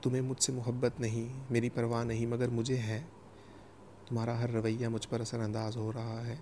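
A man's voice: mid-range voice, monotone, mellow, slight background noise, close to an everyday voice. A man reading an earnest, pleading young husband.

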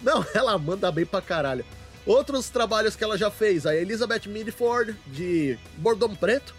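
A man's voice: sits high, lively intonation, normal speed, faint music behind. A man with a Brazilian Portuguese accent hosting a podcast, chatting in a laid-back, slangy way and steering the discussion. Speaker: podcast host. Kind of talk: casual chat.

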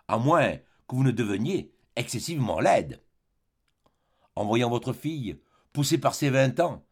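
A man's voice: mid-range voice, a little mellow, husky. A man doing a smug, pompous schemer. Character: scheming pompous former perfumer, vengeful suitor.

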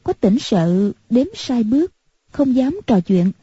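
A woman narrating a martial-arts novel in a steady, measured way. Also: a little high, slightly rough, no room sound. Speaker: audiobook narrator. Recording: muffled lo-fi recording.

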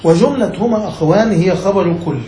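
A man's voice: high voice, quick pace, warm tone, echoey room, a little hiss or hum, low-quality recording. A man, a sheikh, teaching a classical grammar text, reading a passage and then explaining it, often checking whether his students follow.

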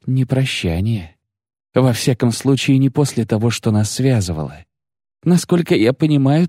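A man reading an audiobook, voicing a proud, sharp-tongued sorceress who speaks with biting, bitter mockery. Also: mid-range voice, dry recording, clean studio sound, pitched above the performer's own voice, close to an everyday voice. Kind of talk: audiobook character voice.

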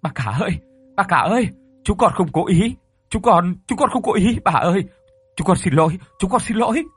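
A man's voice: medium pitch, expressive, moderate pace, fairly bright tone, slightly rough, soft background music. A man voicing two frightened young male servants who stammer and plead in a horror story. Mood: begging.

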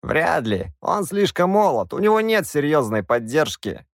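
A fussy old court wizard, as a male narrator voices him, hesitant and cautious, his voice raised a little above the narrator's and jumping around lively. Recorded dry and close. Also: a little high, moderate pace, no echo, voice pushed up.

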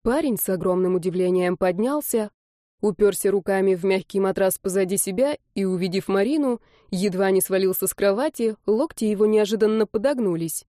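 A woman narrating a story in a scripted, even storytelling delivery. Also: mid-range voice, a little fast, no echo, studio quality. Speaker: audiobook narrator.

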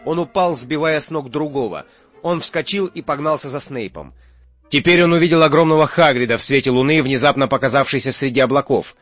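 A man's voice: medium pitch, fairly quick, a bit bright, no echo. A man reading an audiobook as narrator in a tense, dramatic way. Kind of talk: scripted narration. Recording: muffled audio with faint music.

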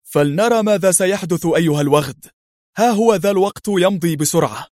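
Stern calm hero agent, read by a man. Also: high-pitched, brisk, no room sound, studio quality, lightly acted. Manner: firm and controlled.

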